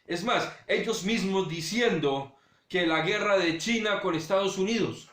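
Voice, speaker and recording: Man preaching a sermon, highish voice, talks right at you, goes loud then hushed, roomy echo. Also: unhurried. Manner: swings between loud urging and hushed low delivery; direct address to listeners. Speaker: pastor.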